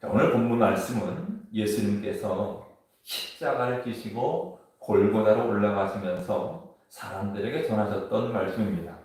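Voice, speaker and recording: A man's voice: on the low side, darkish tone. Man preaching in a far-off, echoey church. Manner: measured preaching with scripture reading. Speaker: pastor. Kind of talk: sermon. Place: church sanctuary.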